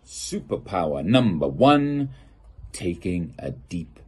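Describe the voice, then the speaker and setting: A middle-aged British man reads a children's picture book aloud, playful and expressive, while a camera at desk distance films him in an outdoor garden gazebo. He has a deep, husky voice and takes his time.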